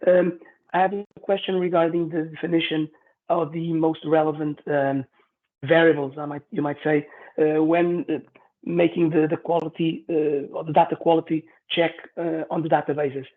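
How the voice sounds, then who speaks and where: A man on a tinny phone line, asking a careful, halting question in an online Q&A. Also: fairly high pitch, little pitch movement. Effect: heard over a phone line. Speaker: audience member asking a question.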